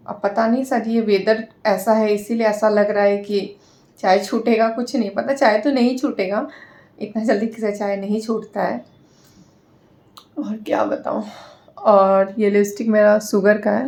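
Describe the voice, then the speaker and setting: A young woman with a Bihari accent chats to her vlog viewers, rambling and full of fillers. Her voice is mellow and dark with a gravelly edge. She sits a little away from the microphone. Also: mid-range voice. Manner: chatty, rambling with many fillers. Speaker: vlogger. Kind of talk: casual vlog chat.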